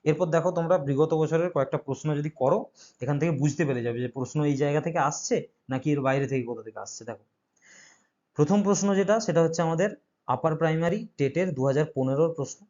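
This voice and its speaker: A man's voice: a little high, quick pace, darkish tone. Man teaching a grammar class, lo-fi sound. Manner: explains step by step, often checks understanding. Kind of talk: exam-prep grammar lesson.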